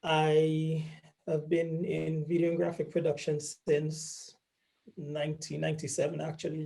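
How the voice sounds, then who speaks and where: A man's voice: on the high side, vocal fry, mellow. A man, introducing himself earnestly on a video call and often restarting his sentences. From Saint Vincent and the Grenadines. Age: 40s. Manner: earnest and measured, with frequent restarts. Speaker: workshop participant. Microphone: video call microphone.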